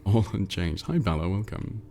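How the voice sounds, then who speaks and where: A livestream host with a low-pitched voice, nasal and congested from a cold, chats casually close to the mic at a normal speed. He reads viewer messages aloud in a relaxed, rambling way, with a little hiss or hum in the audio.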